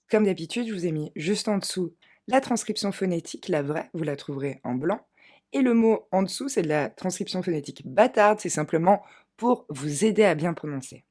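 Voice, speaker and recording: Lady teacher, very animated up and down voice, says words slow so you repeat them. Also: on the low side. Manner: lively, drills words slowly for learners to repeat. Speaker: English teacher. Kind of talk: pronunciation lesson.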